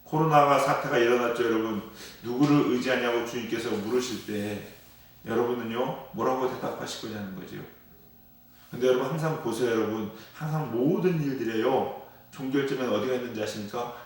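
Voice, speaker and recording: A man's voice: medium pitch, a little fast. A man preaching an early-morning sermon as pastor, who asks his congregation rhetorical questions, answers them himself and keeps speaking to them directly. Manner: keeps addressing the listeners directly. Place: church sanctuary. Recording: very echoey hall, voice far from the mic.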